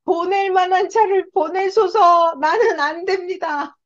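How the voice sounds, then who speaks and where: A woman voicing a timid, reluctant Moses who begs to be let off, in a slow, pleading voice. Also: very high-pitched, steady tone, muffled recording, voice pushed up.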